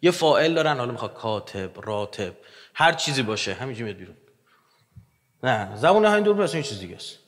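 A man giving a religious lecture in an animated, joking manner, his voice rising loud and dropping quiet. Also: medium pitch. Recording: long hall reverb.

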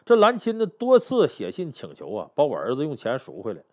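Brief: a man spinning a history tale, lively pitch, slightly high voice, keeps asking the audience questions. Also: a little fast. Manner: chatty, animated, rhetorical questions to the listener. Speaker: history storyteller. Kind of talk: storytelling history talk.

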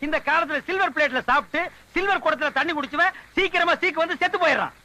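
A boastful village potter. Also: male voice, very high voice, pushed and bright, full character voice, poor audio. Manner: fast, boastful sales talk. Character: boastful village potter man showing off his pots. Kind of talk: film dialogue.

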